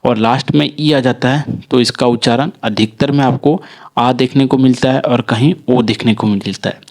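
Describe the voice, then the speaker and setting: A man with an Indian accent teaches English pronunciation at a steady, mid-range pitch. He poses his own questions, answers them, and draws each example word out slowly. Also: gravelly. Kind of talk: classroom-style video lesson.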